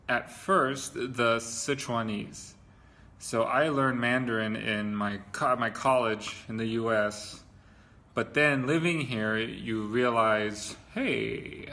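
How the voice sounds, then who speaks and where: Upbeat man, bright voice. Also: medium pitch. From USA. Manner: upbeat, with frequent "um". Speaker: expat interviewee. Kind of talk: casual talk to camera.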